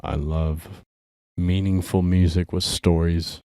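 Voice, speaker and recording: A man's voice: deep voice, flat delivery, takes it slowly, a little mellow, dry recording, clean studio sound. A tired young man hosting his own music show, talking casually in a profane, rambling way. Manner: profane, laid-back rambling. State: tired and drinking. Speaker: host. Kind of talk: casual solo music commentary.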